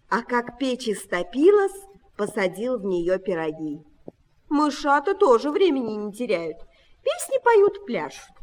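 A woman reading a children's fairy tale aloud in an expressive, sing-song storytelling manner. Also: on the high side, big-room sound.

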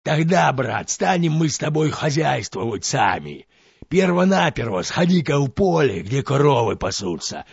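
A man voicing a boastful, clumsy male serpent-dragon in a folk tale, with a raspy, gravelly voice and a slow drawl. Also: on the high side, sing-song, no echo, highs cut off, pitched above the performer's own voice, exaggerated voice. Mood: grumbling.

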